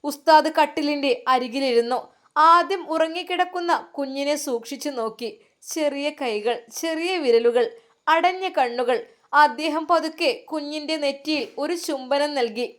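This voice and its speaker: A woman storyteller with a Malabar Malayalam accent, narrating a devotional family story gently and expressively. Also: high voice, moderate pace.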